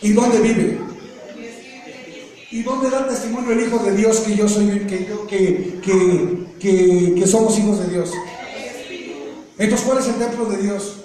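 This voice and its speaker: A man preaching a sermon, firing rhetorical questions, breaking into shouts and joking asides. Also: sits high, steady tone, a little slow, pauses often. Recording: echoey hall from far off, faint noise.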